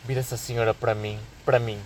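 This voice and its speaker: A laid-back young man with a Portuguese accent and a mid-pitched voice chats with a friend. He swears easily and tells anecdotes. A faint ambient hum is behind him. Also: flat delivery, quick pace, poor audio. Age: young adult. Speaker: podcast co-host. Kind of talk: casual chat.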